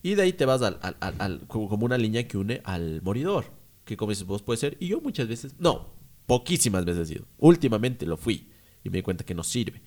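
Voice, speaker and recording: A young man, co-hosting a podcast in casual chat, slangy and quick to swear. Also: fairly low pitch. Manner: animated, slangy, swears freely. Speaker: podcast co-host.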